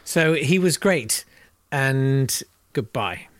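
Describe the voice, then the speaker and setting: A man's voice: mid-range voice, expressive, drawn-out words, fairly bright tone, a little hiss or hum. A man co-hosting a podcast, telling a history story in a wry, rambling way full of uhs. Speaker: podcast co-host.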